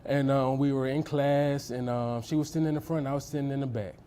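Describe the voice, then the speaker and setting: A man's voice: medium pitch, fairly even intonation, fairly quick, dark tone, slight background noise. A man in his thirties giving testimony in a courtroom, hesitant, repeating words and filling gaps with "um". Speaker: litigant in a TV court case.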